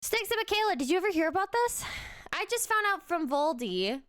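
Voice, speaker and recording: A young woman streams live, chatting casually and turning now and then to her dog. Her voice sits high and bright. She lets her words unhurry, with a lively, swooping melody. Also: fairly quick.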